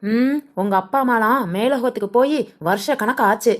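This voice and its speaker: A woman voicing a fussy, excitable village woman in a cartoon who exclaims and complains. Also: fairly high pitch, normal speed, natural voice. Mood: fretful. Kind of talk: cartoon voice acting.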